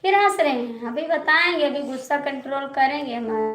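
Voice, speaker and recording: A woman's voice: sits high, a little fast. A young woman with an Awadhi-region Hindi accent hosting a casual livestream, chatting with viewers, teasing and scolding them. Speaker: livestream host. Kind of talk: casual live-stream chat with viewers. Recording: echoey room with background noise.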